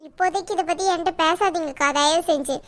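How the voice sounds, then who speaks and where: A woman voicing a withdrawn, divorced young woman who pleads to drop the subject in an animated story. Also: extremely high pitch, fast. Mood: resigned. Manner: soft, pleading, resigned. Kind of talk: cartoon voice acting.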